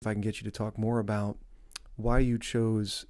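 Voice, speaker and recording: A man's voice: fairly low pitch, level tone, normal speed, a little mellow, no room sound, studio quality. A man interviewing a guest, asking questions hesitantly and restarting himself.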